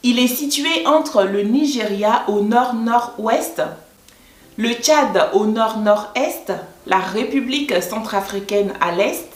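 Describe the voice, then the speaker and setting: A woman's voice: fairly high pitch, slow. Chatty West African woman vlogger. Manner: chatty, laughs often. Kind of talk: casual explainer vlog. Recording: echoey room.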